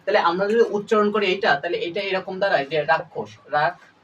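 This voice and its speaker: A man's voice: sits high, racing, a bit bright, highs cut off. A man teaching a lesson to his students, who repeats each point and quizzes his listeners. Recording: voice a little far from the mic, faint room noise.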